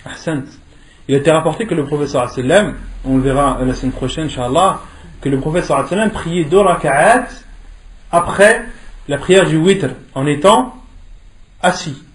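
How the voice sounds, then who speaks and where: Brisk and a little high-pitched, this man teaches religion interactively, questioning his listeners didactically and stressing key phrases through repetition. The room he's recorded in is echoey.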